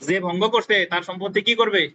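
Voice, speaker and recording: A man's voice: sits high, steady tone, fast talker, bright, forceful tone, a little hiss or hum. Bangladeshi guy teaching a law class, keeps asking "got it?", dull lo-fi recording. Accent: Bangladeshi Bengali. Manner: repeats key points, asks students if they understand; dictates spelling letter by letter. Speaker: law tutor.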